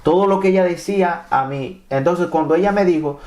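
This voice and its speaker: This is a man from Mexico, a native Spanish speaker, telling his own immigration story as a testimony. His voice sits a little high for a man. He keeps circling back and restarting his phrases as he goes. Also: brisk, darkish tone. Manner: repeats and restarts phrases, acts out quoted dialogue. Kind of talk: animated personal testimony.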